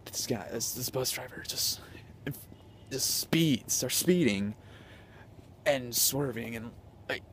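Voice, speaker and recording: A young man telling a story to a handheld camera on a city street at night, hyper and animated, dropping to whispers at times. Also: medium pitch, takes it slowly, pauses often, a little hiss or hum. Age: young adult. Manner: hyper, animated, swings between loud and whispering. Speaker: vlogger. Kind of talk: casual storytelling vlog. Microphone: handheld camera at arm's length.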